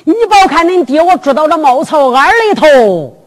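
A woman voicing a scheming old father who speaks slowly and deliberately, with a Henan accent, in a drum-ballad storytelling. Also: expressive. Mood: scheming, instructing. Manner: drawn-out, deep, deliberate elder's speech. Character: slow-spoken old father, scheming, low-voiced. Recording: long hall reverb with music.

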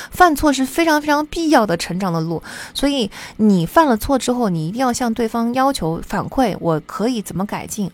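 A woman hosting a solo podcast on psychology, talking in an earnest, chatty way with lots of soft sentence particles as she gives advice. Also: mid-range voice. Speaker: podcast host.

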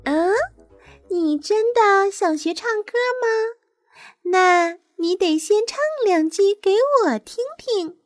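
A woman's voice: sits high, lively intonation, slow, dry recording, studio quality, soft background music. A woman voicing a kindly nightingale singing teacher who talks politely and hesitantly.

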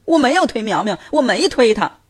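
A man voicing a spoiled little boy who throws tantrums, in a high whiny voice. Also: sing-song, a little fast, slightly rough.

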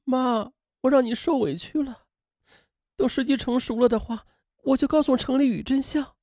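A man voicing a young wife who speaks softly, choked and pleading. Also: very high-pitched, moderate pace, dry recording, studio quality, voice pushed up.

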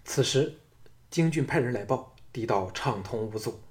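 A man reads out a martial-arts fantasy story in vivid, dramatic scripted narration. His pitch sits in the middle range for a man. He tells the action scenes with energy. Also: expressive, normal speed. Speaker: audiobook narrator.

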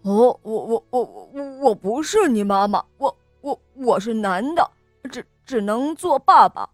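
A woman's voice: a little high, big pitch swings, takes it slowly, dry recording, studio quality, soft background music, pitched below the performer's own voice, full character voice. A woman voicing a greedy, easily flustered male fox in a children's storybook, stammering and grumbling. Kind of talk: storybook reading.

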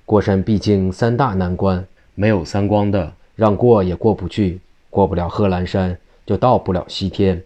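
A man telling a traditional story in steady, vivid narration. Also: low voice, normal speed, few pauses, dull audio.

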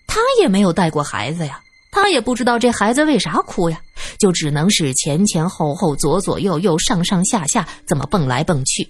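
Lively, husky woman storyteller. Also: fairly low pitch, a little fast, no room sound. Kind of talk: serialized storybook narration.

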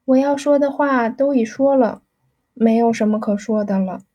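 A woman's voice: a little high, moderate pace, mellow, muffled recording, close to an everyday voice. A woman voicing a shy young woman being courted, coy and teasing as she dodges a proposal. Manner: coy, laughing off the question.

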